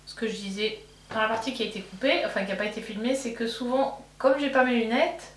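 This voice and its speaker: A beauty vlogger does her makeup while chatting casually, her fairly high voice quick and distant from the mic. She rambles and thinks aloud with many fillers and self-corrections, in an echoey room with a faint hum.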